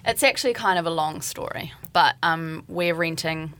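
A woman's voice: deep voice, moderate pace, fairly bright tone. A woman, a blind date guest full of cheeky, teasing banter. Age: 30s. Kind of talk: casual chat.

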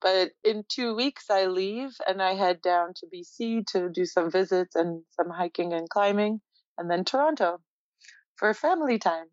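A young woman from Poland, a guest in a casual interview, talking in a relaxed, reflective way and laughing often. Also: medium pitch, moderate pace, dry recording, muffled recording.

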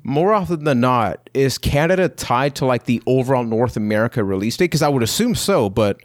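A man's voice: medium pitch, expressive, brisk, dry recording, studio quality. A man from Puerto Rico hosting a casual podcast, upbeat and playful, joking with his co-hosts. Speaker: podcast host.

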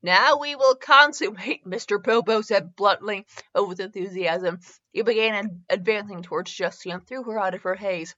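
As a podcast host, a woman gives a comedic dramatic reading of fan fiction, giggling, stumbling over words and breaking off to comment. Her mid-range voice is a bit bright with fairly even intonation at normal speed, in a slightly dull, lo-fi recording.

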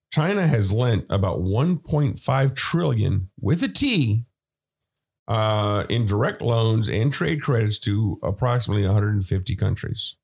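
A man's voice: fairly low pitch, a little mellow, breathy edge. A man hosting a podcast, giving casual political commentary in a conversational way with fillers and asides. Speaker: podcast host.

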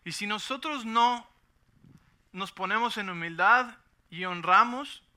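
High, bright-voiced man preaching. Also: slow pace. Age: middle-aged. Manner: conversational, asks for agreement often. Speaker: pastor. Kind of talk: sermon.

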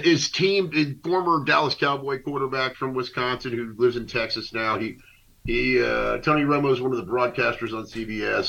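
A man co-hosting a radio show, ranting casually about sports in an animated, indignant, rambling way. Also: mid-range voice, gravelly. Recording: dull lo-fi internet radio.

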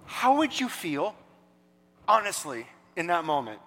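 A man delivers a conversational sermon, animated and quick to act out the people in his story. His voice sits high and sounds bright and forward, and it rings out with the long reverb of a large hall. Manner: animated, conversational preaching with acted-out dialogue. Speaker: pastor. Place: church hall.

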